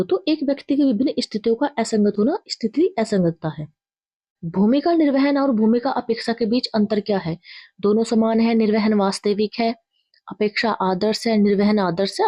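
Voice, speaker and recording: A woman's voice: fairly high pitch, warm tone, no echo, studio quality. A woman teacher reading out exam quiz questions with their options, then explaining each answer and correcting herself along the way.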